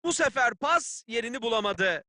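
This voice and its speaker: An actor playing a keen football play-by-play announcer in a video game, calling the match in clipped phrases. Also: male voice, very high voice, lively intonation, moderate pace, sharp tone, no echo, heavily acted. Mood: keen, tense.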